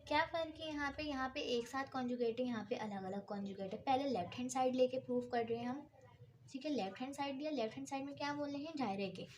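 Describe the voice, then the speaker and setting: A woman with a somewhat high voice gives a math lecture. She works through each step out loud and poses questions to herself along the way. A faint hiss of background noise sits under the recording. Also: fast. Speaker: math teacher. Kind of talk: blackboard lecture.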